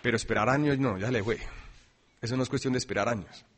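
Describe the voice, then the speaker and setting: A man preaching a sermon, swinging between loud emphasis and quiet asides. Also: mid-range voice, quick pace. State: dry throat, coughing.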